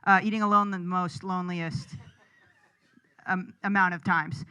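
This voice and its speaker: A host at a live comedy show introduces the next act with a loose, rambling camp-counselor bit. The voice is bright and clean. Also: mid-range voice, level tone, measured pace, clear, resonant tone.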